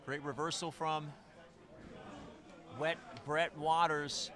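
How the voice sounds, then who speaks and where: A man calling live play-by-play as a wrestling commentator, with excitable, exclamatory delivery. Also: on the high side, slow. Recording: loud event crowd and music behind. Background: crowd and music.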